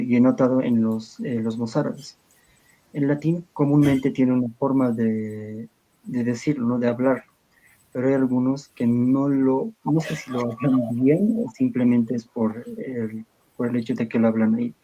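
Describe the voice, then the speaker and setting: A man on a live stream explaining liturgical languages in casual talk, pausing often to search for words and reading sample prayers slowly. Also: medium pitch, steady tone, dark tone, poor audio.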